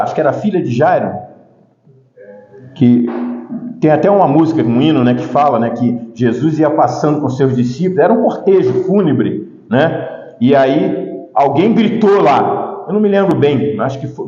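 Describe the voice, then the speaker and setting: High, lively male preacher in an echoey hall. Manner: conversational, with frequent "né?" asides and restarts, rising to emphatic preaching. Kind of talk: informal sermon. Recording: echoey hall, dull lo-fi sound.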